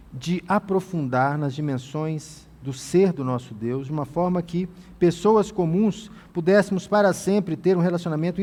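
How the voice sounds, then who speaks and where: A man teaching from the Bible in a sermon style, reading scripture and paraphrasing God's voice gently, then rising to emphatic exhortation. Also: on the high side, in a large hall. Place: inside a tent.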